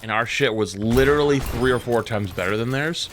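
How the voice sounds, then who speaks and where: This young man's mid-range voice moves a little fast as he talks casually while gaming and recounts a lengthy tale. Swearing comes easily, fillers pile up, and complaints make him animated; a light hiss and game audio sit underneath.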